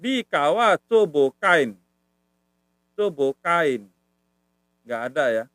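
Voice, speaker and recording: Higher-voiced man teaching casually. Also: very animated, slow, fairly bright tone, dry recording. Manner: repetitive, patient, says "ya" often. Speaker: language teacher. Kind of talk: casual live-stream lesson.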